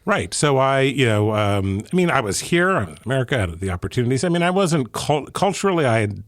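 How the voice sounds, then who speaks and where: A middle-aged Ethiopian physician turned business executive answers interview questions as a guest, thoughtful and meandering, often restarting. His voice is mid-range and sing-song, and he talks fast. The recording is dry and studio quality.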